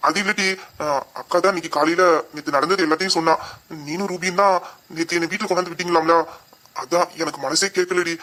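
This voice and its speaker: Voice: mid-range voice, fairly even intonation, fast, sharp tone, lightly acted. A performer playing a remorseful, loving young uncle in an audio drama, speaking tenderly and apologetically.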